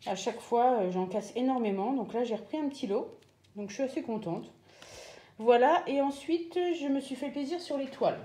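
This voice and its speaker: A woman chatting casually as she shows off her craft purchases, pausing often with fillers. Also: a little high, expressive, warm tone, roomy sound. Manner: chatty, hesitant with many fillers. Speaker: craft vlogger. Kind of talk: casual show-and-tell.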